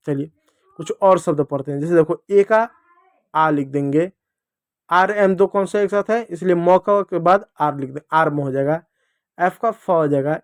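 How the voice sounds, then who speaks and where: High-voiced man teaching phonics to children. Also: no echo, clean studio sound. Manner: repetitive, asks and answers own questions. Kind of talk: classroom phonics lesson.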